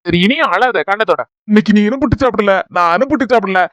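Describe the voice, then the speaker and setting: A woman's voice: medium pitch, expressive, quick pace, fairly bright tone, dry recording, highs cut off, lightly acted. A woman voicing a caring young husband in a cartoon, coaxing and reassuring with a Kanyakumari Tamil accent. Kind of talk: cartoon voice acting.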